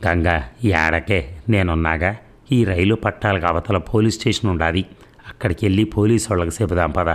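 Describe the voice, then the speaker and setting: A man's voice: deep voice, normal speed, lightly acted. A man voicing a loyal, protective village boy who talks bluntly and earnestly. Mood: comforting.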